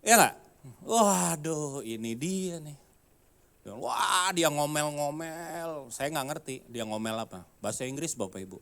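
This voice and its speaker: A man's voice: on the high side, expressive, measured pace, gravelly, fairly bright tone. A man, a pastor, preaching a sermon in a church, telling a personal story and acting out the dialogue, dropping in English phrases.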